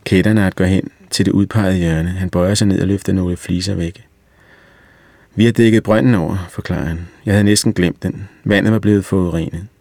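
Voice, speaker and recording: A man reading a story aloud in calm, even audiobook narration. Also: sits low, vocal fry, dry recording. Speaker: reader.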